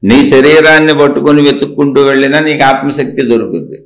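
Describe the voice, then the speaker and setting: A man's voice: medium pitch, fast talker, roomy sound. A man giving a spiritual discourse, asking rhetorical questions and answering them himself in a repetitive, emphatic teaching cadence.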